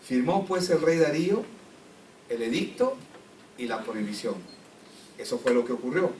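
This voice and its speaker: A man's voice: mid-range voice, sing-song, moderate pace, a little mellow, a little hiss or hum. A man teaching a Bible class who reads scripture aloud, explains it and asks his listeners questions. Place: church classroom. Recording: echoey room, distant mic, faint ambience.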